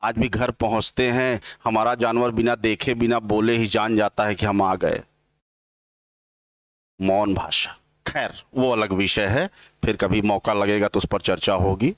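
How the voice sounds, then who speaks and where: Slow dictating male Hindi tutor, dry sound. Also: lowish voice, fairly even intonation, no room sound. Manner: slow dictating, repeating lines for notes; spells out vowel sounds one by one. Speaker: Hindi grammar teacher. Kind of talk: exam-prep lecture with dictation.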